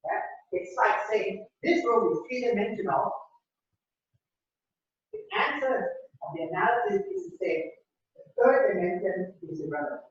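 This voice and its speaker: A man's voice: sits high, animated, moderate pace, pauses often, a little hiss or hum. A man giving a rambling classroom lecture, often repeating words and checking in with the class. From Thailand. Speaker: university lecturer. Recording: very echoey hall, dull lo-fi sound.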